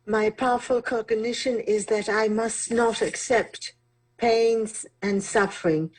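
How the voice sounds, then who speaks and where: Slow, higher-voiced woman giving testimony. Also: fairly even intonation, darkish tone, poor audio. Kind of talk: recited devotional testimonial.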